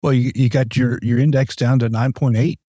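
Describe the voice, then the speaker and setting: Laid-back host guy, mellow voice, keeps repeating words, dry sound. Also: mid-range voice, steady tone, fairly quick, dry recording. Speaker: podcast host. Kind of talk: casual chat.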